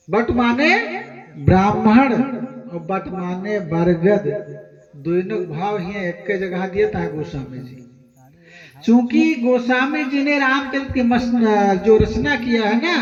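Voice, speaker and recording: A high-pitched man delivers an unhurried devotional sermon. He chants scripture slowly and then explains it plainly, asking the crowd questions. He sounds far from the mic in a long, echoing hall, with a dull recording. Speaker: Bhagavat katha preacher. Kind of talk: devotional sermon with sung verses.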